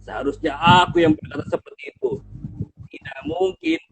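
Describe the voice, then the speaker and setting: Proud, roaring lion king for a children's storybook, played by a man, high and gravelly. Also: huge pitch swings, moderate pace, exaggerated voice, low-quality recording. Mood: scoffing. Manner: roaring, booming, scoffing.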